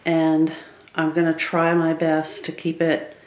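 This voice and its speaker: Woman, unhurried pace, casual rambling vlog chat, informal, echoey empty room. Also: low voice, monotone, darkish tone. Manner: rambling, informal, addresses viewers directly. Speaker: vlogger. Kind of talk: casual chatty home vlog. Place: indoors, emptied rooms of a house.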